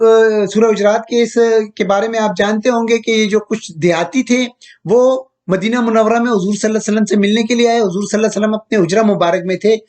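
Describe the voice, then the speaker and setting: A male teacher giving a recorded slide lecture, who repeats each point, slowly draws out quoted verses and asks listeners whether they have understood. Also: sits high, a little mellow. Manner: checks understanding with questions to listeners. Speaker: grammar teacher.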